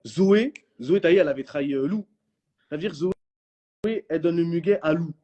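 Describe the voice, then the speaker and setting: A young man telling reality-show stories in quick, slangy casual chat, acting out what others said. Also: fairly high pitch, dull audio. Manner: animated storytelling in slang, acting out others' lines.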